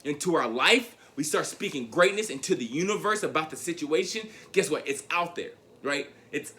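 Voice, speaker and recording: A young adult man giving a motivational speech, telling a personal story in an animated way, often repeating his words and calling the audience "guys". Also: a little high, moderate pace, a little hiss or hum. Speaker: motivational speaker.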